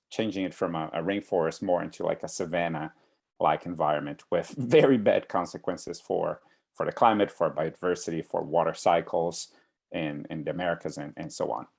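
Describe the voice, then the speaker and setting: A man from Brazil with a very deep voice presents to an online class over a video call. He speaks hesitantly, with many fillers and restarts. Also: vocal fry. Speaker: guest speaker. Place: home in Brooklyn.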